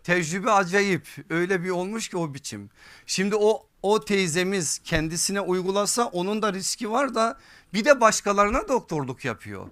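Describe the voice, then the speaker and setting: A man's voice: high-pitched, expressive, normal speed, a bit bright. A man preaching a sermon from a pulpit microphone, emphatic, repeating his points and checking with rhetorical questions.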